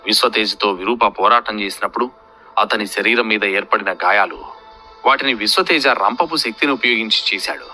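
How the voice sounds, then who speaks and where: Male storyteller for a fantasy audiobook serial; low-pitched, steady and dramatic, faint music bed. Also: moderate pace. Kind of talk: scripted narration of a fantasy serial.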